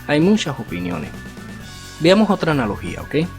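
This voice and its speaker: A man's voice: a little high, huge pitch swings, normal speed, darkish tone. A man teaching an online language lesson in an explanatory way, often checking in with rhetorical tag questions. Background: faint guitar music.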